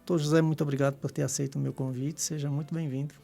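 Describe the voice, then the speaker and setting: A man's voice: on the high side, flat delivery, very fast, gravelly, mellow, soft background music. A man from Bahia hosting a live radio podcast, reading a formal introduction and interviewing a guest. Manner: formal, reads a prepared introduction.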